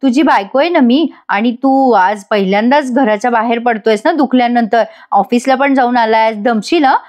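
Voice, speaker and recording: A woman's voice: fairly high pitch, normal speed, darkish tone, natural voice. A coaxing young wife, as a woman puts her on. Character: caring, teasing young wife.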